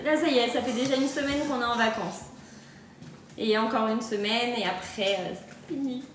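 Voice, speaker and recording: High-voiced chatty woman on a livestream. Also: normal speed, echoey room, slight background noise. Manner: chatty and upbeat, often laughing. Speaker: Thermomix sales adviser. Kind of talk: casual live-stream chat answering viewer comments. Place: on holiday, recorded in an echoey spot.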